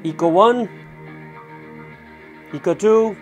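A man with a high-pitched voice demonstrates a product casually and without a script, speaking slowly as a reviewer and repeating and rephrasing while he explains. He sits at a desk in a small indoor room, with faint music in the background.

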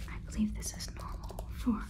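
A woman in her twenties, an ASMR performer, whispers a role-play as a polite and curious AI robot overlord. She speaks softly, haltingly and deliberately, very close to a sensitive microphone in a small indoor room.

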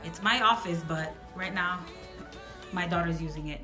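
Speaking at a normal speed in a voice on the low side, a home vlogger records a relaxed clean-with-me narration on her handheld phone camera. She shows her purchases around the kitchen and playroom of her large, bright home, rambling and correcting herself along the way. The room echoes, and music plays in the background.

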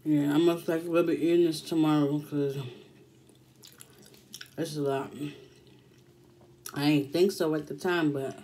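A woman hosting an eating video, talking while chewing in relaxed, casual chat. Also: deep voice, measured pace, pauses often, slight background noise. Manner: relaxed, savoring food between remarks. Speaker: mukbang host.

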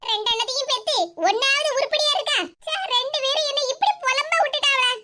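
A squeaky, grumbling old mother. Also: steady tone, quick pace. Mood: lamenting. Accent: Tirunelveli Tamil. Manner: scolding, self-pitying laments. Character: grumbling old mother, bitter about her children. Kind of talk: cartoon voice acting. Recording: loud background noise.

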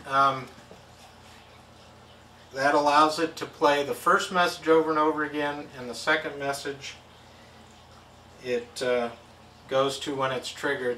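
This middle-aged man's medium-pitched voice sounds pushed and bright as he demonstrates a product step by step, casually and in plain terms. He's at an indoor tabletop demo with a backdrop, and the echoey recording comes from a distant mic with background noise.

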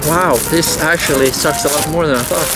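A young man chatting casually as a vlogger, excitable and given to swearing and exclamations. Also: a little high, brisk, loud music behind the voice, poor audio. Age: young adult. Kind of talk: casual vlog chat. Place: outdoors in a town square and in a cafe. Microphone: handheld camera close by.

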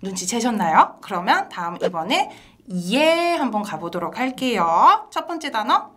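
A woman hosting a language lesson in an animated style, laughing often and quizzing her co-teacher. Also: fairly high pitch, moderate pace, a little hiss or hum. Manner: bright and animated, laughs often, asks questions to engage viewers. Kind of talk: lively two-person language lesson.

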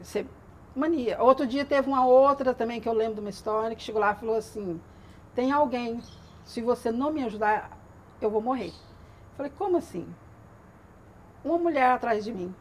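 A woman's voice: on the high side, normal speed, long pauses, slight background noise. A woman from Brazil who works at a women's police station, chatting casually on a TV show and telling funny anecdotes with frequent laughter. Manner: animated storyteller, laughs often.

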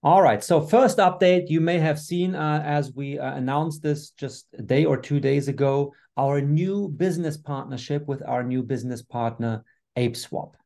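Webinar host, man, upbeat delivery with fillers; slightly high, mellow voice, video call sound. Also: moderate pace, creaky. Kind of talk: business webinar presentation.

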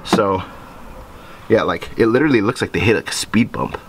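A fairly low-voiced man talks casually in a garage vlog, explaining as he works on a car. Faint workshop noise sits behind him. His delivery is relaxed and chatty, and the camera mic catches him as he moves around. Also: normal speed. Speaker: car project vlogger.

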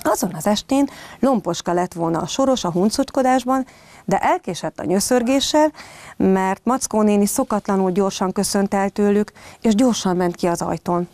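A kindergarten teacher, a woman, gently reading a children's story aloud from home. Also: mid-range voice. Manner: gentle, addressing young children.

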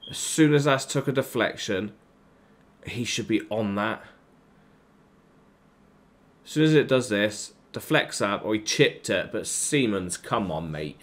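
A man giving live, swearing reaction commentary on a football management game, shouting at his players. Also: fairly low pitch, expressive, measured pace, pauses often. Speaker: gaming YouTuber.

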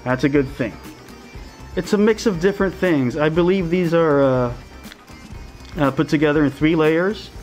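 A man's voice: fairly high pitch, moderate pace, long pauses, a little mellow, faint music behind. A man talking casually through a face mask while reviewing it, chatty, with frequent ums and restarts. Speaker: vlogger reviewing a product.

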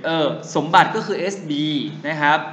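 A man's voice: fairly high pitch, fairly even intonation, normal speed, sharp tone, roomy sound. A young man teaching chemistry to a class, drilling memory tricks in a sing-song chant and calling himself their big brother. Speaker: chemistry tutor.

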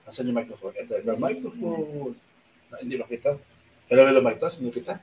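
A man hosting a live stream, telling a rambling travel story in a soft voice with lots of fillers. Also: mid-range voice, lively intonation, quick pace, reverberant, distant mic, slight background noise, rough recording. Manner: speaks softly on purpose at night. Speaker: online show host. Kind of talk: casual live-stream chat.

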